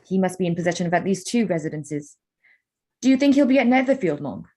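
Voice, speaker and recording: In a period staged reading, an actress portrays a witty, proud young gentlewoman with an arch, spirited manner. She sounds amazed and curious, speaking quickly in a fairly low, expressive voice.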